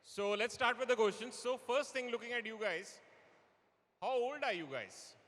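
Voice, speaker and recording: Speaking at normal speed, this Indian-accented man in his forties sounds very high, animated and a bit bright as he moderates a live panel with self-deprecating, teasing humour. It's captured on an event microphone in a big indoor hall full of people, with echo and live PA sound.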